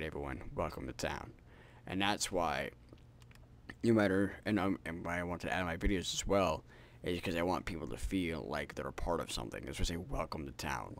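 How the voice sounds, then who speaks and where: A tired male gaming host with an extremely low voice and a gravelly crackle of vocal fry. He rambles on casually to his viewers, swearing freely as he signs off. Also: a bit bright. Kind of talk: rambling outro chat to viewers.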